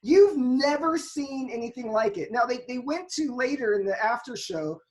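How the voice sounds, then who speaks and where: A woman in casual podcast chat, retelling a soccer match in an animated play-by-play way with lots of restarts and emphasis. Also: sits high, normal speed.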